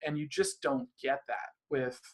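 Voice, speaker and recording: A man's voice: mid-range voice, little pitch movement, a little slow. A man being interviewed as a magician, talking animatedly in long, rambling runs of casual conversation. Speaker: magician guest.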